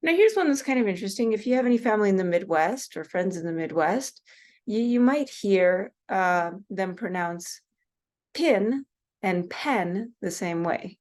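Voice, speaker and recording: A woman from Seattle with a US West Coast accent, giving a relaxed recorded lecture with many fillers and slowing down on example words. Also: medium pitch. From Seattle, Washington State, US West Coast. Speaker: teacher.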